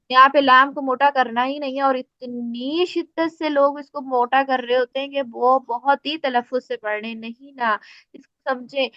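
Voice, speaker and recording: High-voiced woman teaching Quran recitation. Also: clear, resonant tone, no echo. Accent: Pakistani Urdu. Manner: explains patiently, demonstrates recitation slowly. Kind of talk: casual spoken lesson. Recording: dry, slightly muffled recording.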